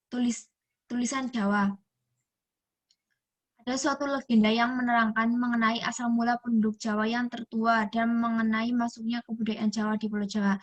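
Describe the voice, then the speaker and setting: Reading her class presentation from a script, a young woman studying at an Indonesian university often stumbles and restarts words. She has a slightly high voice, and the recording's highs are cut off.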